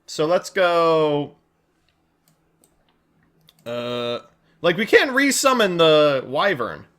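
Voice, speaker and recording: A man streaming a card game, chatting casually, reading chat aloud and getting excited. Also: fairly high pitch. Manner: excitable, chatty, reads chat aloud and laughs at his own jokes. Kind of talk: casual live-stream commentary while playing a card game.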